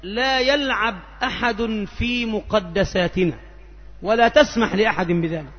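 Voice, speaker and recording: A man's voice: high voice, normal speed. A male preacher with an Egyptian accent giving a sermon, moving between formal Arabic and colloquial asides. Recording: muffled, with long hall reverb.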